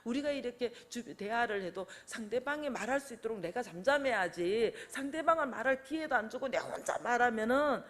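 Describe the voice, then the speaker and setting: An older woman preaching a sermon in a conversational way, asking her listeners questions and acting out quotes with lively changes of voice. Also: fairly high pitch, brisk, few pauses. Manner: conversational, asks the congregation questions.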